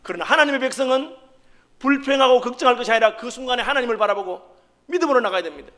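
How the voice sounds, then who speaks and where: Man, pastor, sermon, animated, very high bright voice. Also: fast. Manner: animated, acts out quoted voices.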